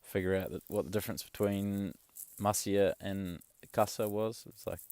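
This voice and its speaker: A young man talks in a very low, gravelly voice, loose and rambling, with casual swearing. The sound is close and dry, with no room around it. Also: steady tone, moderate pace, darkish tone, dry recording. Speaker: travel vlogger. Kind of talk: casual chat.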